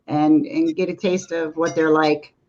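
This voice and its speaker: A woman co-hosting a baking show who chats in a relaxed, easygoing way. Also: sits low, a little slow, lo-fi sound. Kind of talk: casual live-stream chat.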